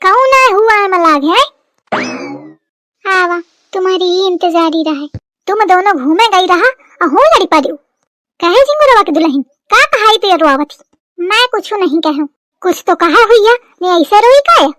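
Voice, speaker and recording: Brief: woman doing a scolding cartoon mother-in-law, shrill, dry close sound. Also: animated, moderate pace, a bit bright, no room sound. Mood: accusing. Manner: scolding, nagging.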